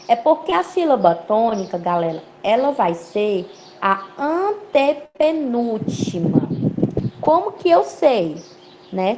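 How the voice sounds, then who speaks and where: Woman teaching a lively online class. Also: fairly high pitch. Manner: didactic, checks in with frequent "ok?" and "né?"; lively, rising emphasis on key words. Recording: slightly dull lo-fi audio with faint noise.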